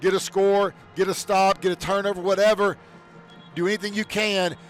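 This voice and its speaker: Guy doing play-by-play, pretty high voice, yells on touchdowns. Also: moderate pace, faint music behind. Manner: excitable, shouts on big plays. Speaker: play-by-play announcer. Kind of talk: high school football commentary.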